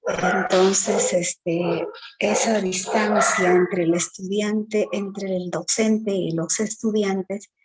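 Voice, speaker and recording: A woman teacher giving an exam-prep lecture, explaining slowly with many fillers and tag questions. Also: medium pitch, steady tone, noisy background.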